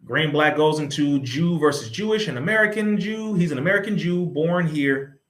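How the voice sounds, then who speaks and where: A man's voice: a little high, expressive, normal speed, fairly bright tone. Impassioned young man preaching in an echoey room. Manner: impassioned, preachy, addresses listeners as y'all. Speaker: commentator. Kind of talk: reaction commentary on a video.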